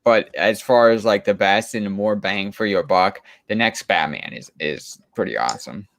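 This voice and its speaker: A man's voice: lowish voice, moderate pace, gravelly, fairly bright tone. A man co-hosting a comic book chat show, talking casually and enthusiastically with lots of restarts and fillers.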